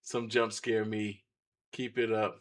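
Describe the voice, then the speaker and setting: A man's voice: lowish voice, flat delivery, slow pace. A man livestreaming casual, slangy, incredulous reactions to videos, often repeating his phrases. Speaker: live streamer reacting to videos. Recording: music playing behind the voice.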